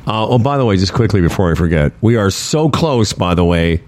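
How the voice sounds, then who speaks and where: A man's voice: lowish voice, animated, brisk, a little mellow. A man hosting a casual talk show, telling stories in an easygoing, chatty way. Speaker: host. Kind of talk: casual radio chat.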